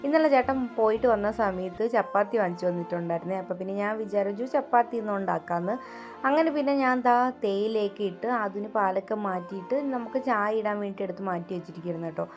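A woman's voice: medium pitch, fast, a little mellow, faint music behind. A young Malayali woman narrating her Sunday at home in a chatty voice-over, often adding little tag questions. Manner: chatty, keeps adding "കേട്ടോ". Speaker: home vlogger, mother.

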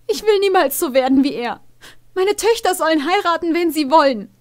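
A stubborn young princess mare from a storybook, put on by a woman reading aloud. She speaks high, loud and emotionally, her voice climbing well above the reader's own. She sounds tearful and headstrong. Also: moderate pace. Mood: upset.

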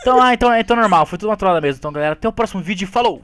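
A man hosting a Minecraft video, chatting excitedly with friends and repeating words as he plays. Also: high-pitched, rapid-fire. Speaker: Minecraft gameplay video host. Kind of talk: excited gaming chat with friends.

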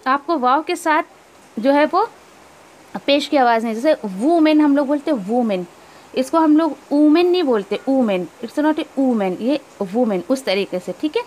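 High-voiced woman teaching Quran recitation. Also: animated, darkish tone. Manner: explains rules, then recites verses slowly and drawn out; corrects mispronunciations directly, mixing in English words. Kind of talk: tajweed lesson with recitation.

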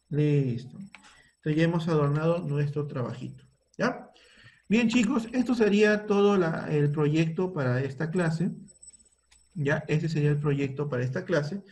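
A man's voice: on the high side, a little mellow. Man, Peruvian Spanish accent, computer teacher, patient, thinks aloud, video call. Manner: patient, thinks aloud while working the screen. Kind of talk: online class, guiding a word-processing task.

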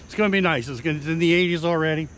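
Man, slightly high voice, out of breath, chatty and joking, outdoors by a road, faint traffic noise. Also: very fast, a bit bright. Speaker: support crew for a runner. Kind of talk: casual outdoor vlog narration.

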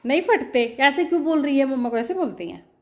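A woman in her thirties, a mother, chats casually with her viewers from her home kitchen, doing chores and gently scolding her child. Her voice is high, very animated and a little fast, recorded on a phone camera.

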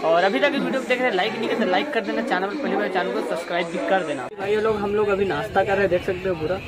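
A man's voice: high-pitched, very fast. A young man from India vlogging to his viewers in a chatty way from a train carriage, holding the phone at arm's length. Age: young adult. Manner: chatty, addressing viewers directly. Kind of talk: casual travel vlog. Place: inside a moving train carriage. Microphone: phone held at arm's length. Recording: phone audio with loud crowd and music. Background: train noise and chatter.

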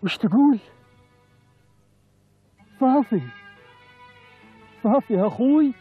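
A man's voice: very high voice, animated, slow, slightly rough, heavily acted. An actor playing a passionate Bedouin man devoted to his brother, speaking emotional Bedouin Arabic with repeated, declamatory phrases in a television drama. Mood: overwhelmed joy. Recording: muffled, phone-like, faint music.

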